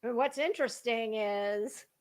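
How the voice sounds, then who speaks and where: A woman with a fairly high-pitched voice talks like an online commentator in a casual, dramatic monologue. Her speech is emphatic and halting, marked by deliberate pauses and repeated words.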